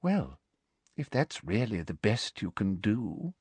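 A man voicing a prim, sweetly menacing female school inspector who speaks softly and coldly. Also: a little high, wildly swooping pitch, measured pace, no echo, voice pushed up, full character voice. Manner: soft, sugary, coldly polite.

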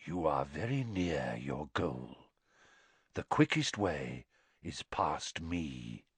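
A man voicing a calm, riddling female sphinx with a deep, hoarse voice and slow, measured delivery. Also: no echo, full character voice. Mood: calm, ominous.

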